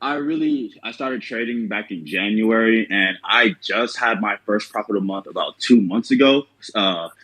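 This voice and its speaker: Atlanta dude calling in, kinda unsure, lots of uh and like, slangy. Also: male voice, fairly low pitch, moderate pace, few pauses, bright, forceful tone, low-quality recording. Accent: Southern US (Atlanta). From Atlanta, USA. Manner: hesitant, many fillers and restarts, slangy. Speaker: caller asking for advice. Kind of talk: casual chat.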